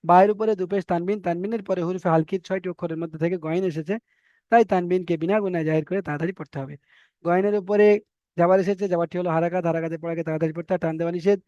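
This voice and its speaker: A man teaching an online Quran recitation lesson, spelling out letters slowly and rattling off repeated rules quickly. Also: high voice, warm tone, clean tone, no echo, highs cut off.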